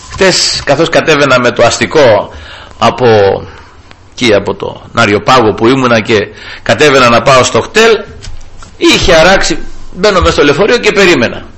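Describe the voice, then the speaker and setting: A man's voice: mid-range voice, fairly bright tone, slightly rough. A man preaching an evangelical sermon, fervently repeating "brothers" and "glory to the Lord" as he tells a personal story.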